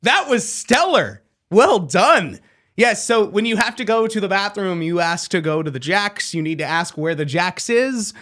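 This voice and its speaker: A man's voice: sits high, normal speed, hardly any pauses, fairly bright tone. A man hosting a radio trivia segment in a playful quizmaster manner. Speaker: radio show host running trivia. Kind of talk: casual radio banter.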